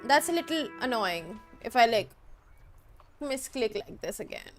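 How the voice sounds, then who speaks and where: A woman's voice: on the high side, expressive, unhurried, faint music behind. A woman streaming a game, chatting wryly about what she does. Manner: chatty, wry. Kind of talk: casual commentary.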